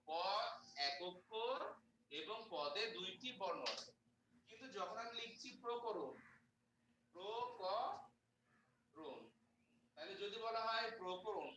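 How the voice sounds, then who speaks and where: A male teacher leads a grammar lesson, breaking words apart into their sounds one by one. His voice sits high and bright. The recording is roomy, with the mic set some distance away and a faint hiss underneath. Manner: explains step by step, spells out sounds slowly. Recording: echoey room, mic far off, faint noise.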